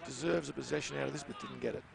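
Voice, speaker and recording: Over crowd noise on a noisy outdoor livestream, a man with an Australian accent calls a school football match at an outdoor sports ground. His medium-pitched voice is creaky and racing as he keeps up chatty, joking, lively banter.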